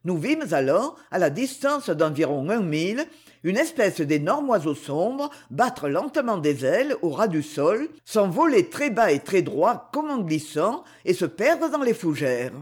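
Narrateur masculin à la voix voilée. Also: male voice, high-pitched, a little slow, breathy edge. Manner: expressive, literary. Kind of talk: audiobook reading of a novel.

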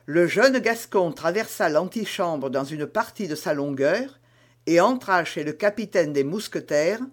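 A man narrating a classic novel in a measured, even way. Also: on the high side. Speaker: audiobook narrator. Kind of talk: scripted literary narration.

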